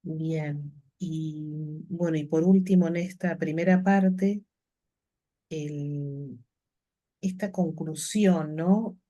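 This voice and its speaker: A woman with a Rioplatense Spanish accent, a course participant, putting measured questions to the teacher. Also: sits low, fairly even intonation, mellow, highs cut off.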